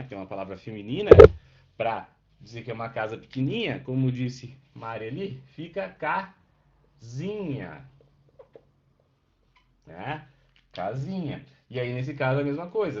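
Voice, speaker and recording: A man's voice: mid-range voice, a little mellow. A man, teaching a live online class and patiently checking in with his students as he explains. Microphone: webcam microphone. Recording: dull lo-fi online class audio.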